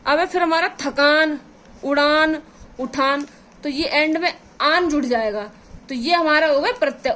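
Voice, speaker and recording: A woman's voice: high-pitched, a bit bright. A woman teaching a step-by-step exam-prep grammar lesson, repeating key points as she explains.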